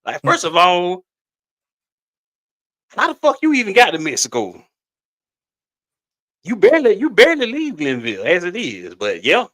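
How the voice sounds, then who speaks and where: A man's voice: sits high, huge pitch swings, normal speed, pauses often, bright, forceful tone. A middle-aged man co-hosting a podcast in casual chat, rambling and laid-back, often restarting his sentences. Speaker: podcast co-host.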